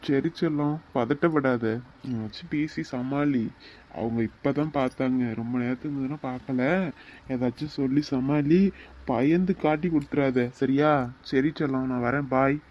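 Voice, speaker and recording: A man's voice: medium pitch, steady tone, normal speed, darkish tone, lightly acted, poor audio. A man playing a young boyfriend who coaxes and reassures his girlfriend. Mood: coaxing. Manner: coaxing, reassuring.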